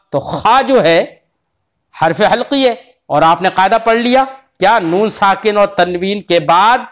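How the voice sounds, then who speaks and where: A man teaching Quran recitation rules in an online lesson, explaining patiently and drawing out the example words slowly. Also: sits high, a bit bright.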